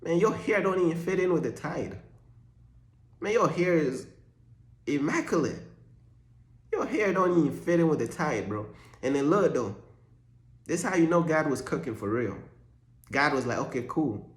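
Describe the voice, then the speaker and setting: A young man from Uganda riffs through a faith vlog in loose, slangy talk, mixing jokes with preaching. His voice sits a little high for a man. The room around him rings with echo. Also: lively intonation, moderate pace, long pauses. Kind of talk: casual faith vlog monologue.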